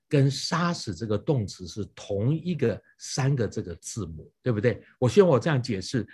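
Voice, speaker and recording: A man's voice: medium pitch, dark tone, husky. A man preaching a sermon, explaining scripture with rhetorical questions and frequent fillers.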